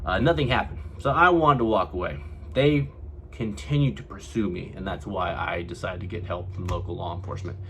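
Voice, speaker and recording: A man's voice: sits low, brisk, a bit bright, slight background noise. A young man from California, telling a vlog story to camera and acting out what others said. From California, USA. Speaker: vlogger.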